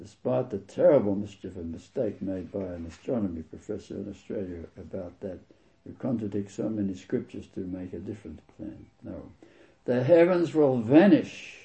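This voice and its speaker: A man preaching a sermon, reading scripture aloud and commenting on it, slowing right down to stress key words. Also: low voice, vocal fry, warm tone. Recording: dull lo-fi recording.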